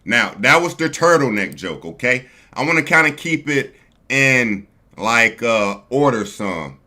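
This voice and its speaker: A man's voice: mid-range voice, lively intonation, measured pace, sharp tone. A man hosting a live stream, casually reacting to a video in loose, slangy talk aimed at his viewers. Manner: loose, chatty, slangy, talks to viewers as family. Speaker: streamer host.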